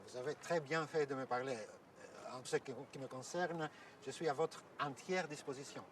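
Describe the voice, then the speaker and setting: A man's voice: medium pitch, moderate pace, distant mic, slight background noise, close to an everyday voice. A man playing a courteous Orthodox priest. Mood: calm. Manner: polite, explanatory, hesitant with fillers. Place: outdoors at an ancient site.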